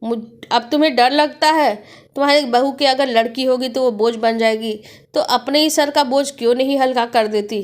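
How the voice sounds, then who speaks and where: A woman voicing a tall veiled witch from a cremation ground, loud and mocking in a storybook tale. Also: sits high, normal speed, close to an everyday voice. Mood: taunting. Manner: loud, cackling, taunting.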